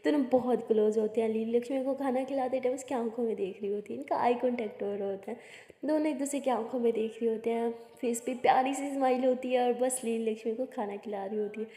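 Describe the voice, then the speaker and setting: A woman's voice: fairly high pitch, fairly even intonation, fast, mellow. A woman with an Indian accent narrating a story in a chatty, casual way, mixing in English words. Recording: echoey room with long reverb.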